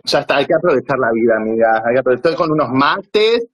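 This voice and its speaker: A man's voice: medium pitch, very animated, fast talker. A man with an Argentine accent chatting on a video call, campy, teasing and affectionate. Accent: Argentine Spanish. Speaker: comedian guest on a live stream. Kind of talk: casual live-stream chat.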